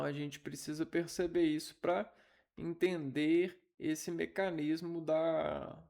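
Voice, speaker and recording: A man giving an informal linguistics lesson, halting and thinking aloud as he repeats syllables. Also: on the high side, gravelly, darkish tone. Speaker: teacher.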